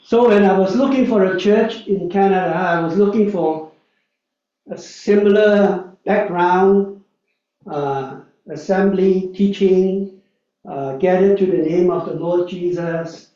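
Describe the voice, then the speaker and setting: A Malaysian man in his sixties, a lay preacher, tells personal stories in a chatty sermon in a church hall, peppering it with "uh" and "right?" asides. His voice is high-pitched with a dark tone, and he takes it slowly. A distant mic in the echoey hall makes the sound dull.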